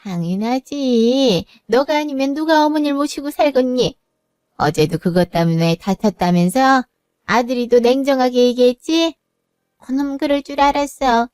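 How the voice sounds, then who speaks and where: A woman's voice: sits high, normal speed, a little mellow, clean tone, dry recording, clean studio sound, lightly acted. A woman playing a firm, caring older mother-in-law. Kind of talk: narrated drama voice acting.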